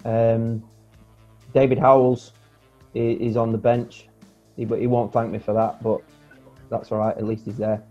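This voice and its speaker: With a mid-range voice, a measured pace and long pauses, a former footballer in his forties rambles casually as a guest on a video call, using many fillers and restarts. He's indoors in a room at home. His earphone mic yields dull, lo-fi audio with faint music.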